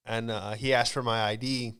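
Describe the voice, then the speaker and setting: Rambling through funny stories in loose, slangy fashion, this American podcast host in his late twenties speaks at a moderate pace. His mid-range voice is clear and resonant, fairly bright, with fairly even intonation.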